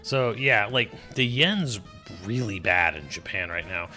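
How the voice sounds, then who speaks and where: A man's voice: fairly low pitch, lively intonation, unhurried, sharp tone, soft background music. A man streaming live, talking in a rambling, profane and sardonic way, restarting sentences often. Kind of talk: casual livestream commentary.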